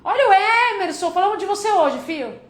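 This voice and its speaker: A woman's voice: very high voice, lively intonation, normal speed. A woman with a São Paulo accent, hosting a casual live stream as a debt advisor and answering viewer questions in a chatty, joking way. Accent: São Paulo Brazilian Portuguese. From São Paulo, Brazil. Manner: chatty and joking, calls viewers "filha" and "cara". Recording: echoey room with faint background noise.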